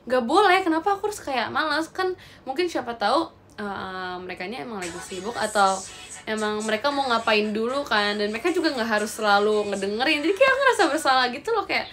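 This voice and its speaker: A woman's voice: fairly high pitch, lively intonation, fast talker, a bit bright, a little hiss or hum. Chatty young woman on a phone livestream. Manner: chatty, rambling, addresses viewers directly. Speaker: idol livestreamer. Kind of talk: casual livestream chat.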